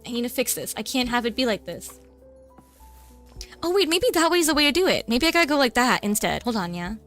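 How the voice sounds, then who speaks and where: Female VTuber, high and bright, casual flustered chatter with a cutesy verbal tic. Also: sing-song, quick pace, faint music behind. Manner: flustered, chatty, keeps adding a cutesy "nya". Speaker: VTuber streamer. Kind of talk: casual gameplay streaming chat.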